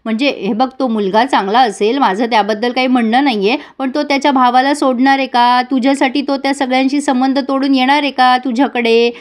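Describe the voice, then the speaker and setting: A woman playing a fierce middle-aged mother, high, exasperated, scolding. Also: fairly even intonation, brisk, hardly any pauses, lightly acted. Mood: worried.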